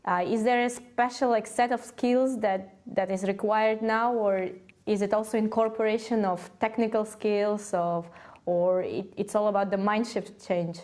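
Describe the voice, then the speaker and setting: A woman's voice: medium pitch, fairly even intonation, measured pace, darkish tone. A woman working as an interviewer, putting questions in a tentative, searching way.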